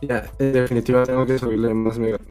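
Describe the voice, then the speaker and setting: A young Mexican man talks in a mid-pitched voice, casual and slangy, as on a stream with friends. He swears now and then, and faint guitar music plays behind him. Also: little pitch movement, quick pace, dark tone. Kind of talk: casual chat on a livestream.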